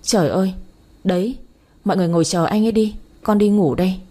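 A woman's voice: medium pitch, animated, brisk, dark tone, husky. A woman voicing a blunt young woman who argues sharply and impatiently. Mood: snappish.

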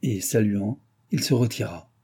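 A man reading a novel aloud as scripted narration, in a steady, even way. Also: on the low side, a little slow, husky. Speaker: audiobook reader.

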